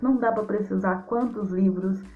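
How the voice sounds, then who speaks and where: A woman's voice: mid-range voice, steady tone, normal speed. A Brazilian woman from Mato Grosso do Sul, a storyteller and writer, answering interview questions for young listeners in an affectionate, effusive way. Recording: dull lo-fi sound with music.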